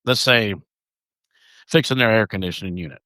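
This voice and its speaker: A man's voice: lowish voice, pushed and bright, no room sound. A man with a Southern accent co-hosting a podcast, chatting casually and often restarting his words. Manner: halting, restarts words, loose. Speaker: podcast co-host. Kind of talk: casual chat.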